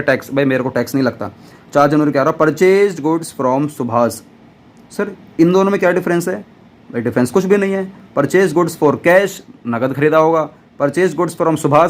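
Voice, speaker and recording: A man teaching an accounts class, loud and playful, often answering his own questions in a student's voice. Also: fairly high pitch. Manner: loud, almost shouting while teaching. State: dry throat. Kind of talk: classroom lecture.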